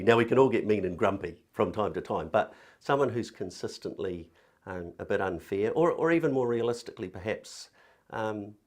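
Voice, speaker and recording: Nz guy, deep low voice, earnest reflective talk, bit of um and repeats. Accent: New Zealand. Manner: earnest, thoughtful, with occasional fillers and repeated words. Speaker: religious education director.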